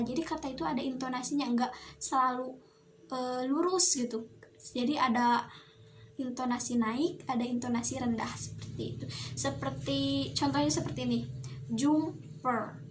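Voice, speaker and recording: A young woman casually reviewing an English lesson she studied, talking hesitantly with many fillers and pauses. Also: high voice, background noise. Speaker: student presenting a review.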